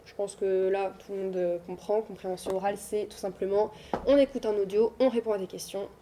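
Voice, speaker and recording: A young adult woman, a student, giving an informal, reassuring talk to high schoolers in a school room, hesitating often with fillers. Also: steady tone, a little fast, warm tone, a little hiss or hum. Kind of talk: informal presentation.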